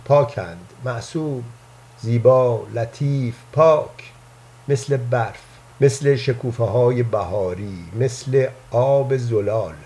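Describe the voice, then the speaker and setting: A man voicing a gentle, playful old man who earnestly believes in angels, speaking softly and confidingly. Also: mid-range voice, lightly acted. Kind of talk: storybook reading.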